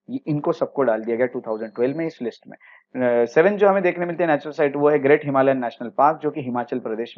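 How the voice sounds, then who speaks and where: A man's voice: a little high, lo-fi sound. A man with an Indian accent teaching a history lecture for exam preparation, explaining step by step and mixing English words into his speech.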